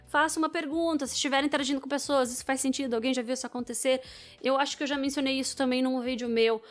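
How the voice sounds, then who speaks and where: A woman with a Brazilian Portuguese accent, a public speaking coach who reads answers aloud and comments on them, swinging between bright emphasis and quiet asides. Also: sits high.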